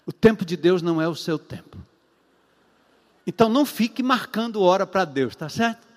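A man preaching a sermon as a pastor, emphatic and repetitive, with long pauses and rhetorical questions. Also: high voice, lively intonation, in a large hall.

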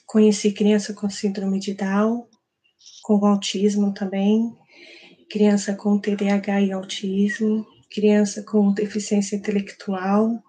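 A woman's voice: mid-range voice, monotone, slow pace, mellow. A woman with a Brazilian Portuguese accent, giving an earnest, emotional personal testimony at church. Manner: earnest, emotional storytelling with quoted prayers.

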